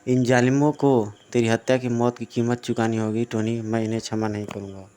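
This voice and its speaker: A man voicing a determined male hunter who vows revenge in a low, quiet tone in a comic audio story. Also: little pitch movement, fairly quick, clear, resonant tone, lightly acted. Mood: vengeful. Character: grim vengeful male hunter, father of a family.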